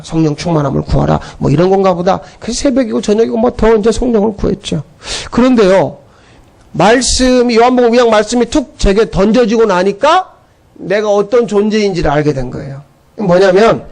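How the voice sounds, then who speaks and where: A male pastor with an unusually high voice delivers a Sunday sermon. He tells scripture as a story, dropping into quoted lines and swinging his tone up and down to act out the characters. He sounds middle-aged and speaks with a preacher's storytelling drive. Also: gravelly. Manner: storytelling preacher who acts out biblical dialogue in shifting voices.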